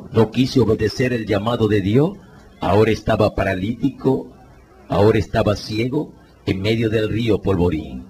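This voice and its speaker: A man giving a dramatic spoken testimony as a preacher, telling it earnestly and rising into anguished pleading shouts. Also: on the low side, noisy background.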